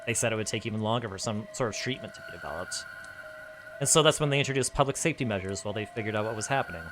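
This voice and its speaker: A man reading his own story aloud in an animated way, laughing at his own asides. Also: on the low side, racing, music in the background.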